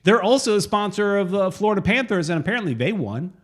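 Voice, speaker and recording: A man's voice: high-pitched, fast talker. A middle-aged man co-hosting a casual soccer fan podcast, joking and telling stories. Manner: joking, animated storyteller. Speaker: co-host.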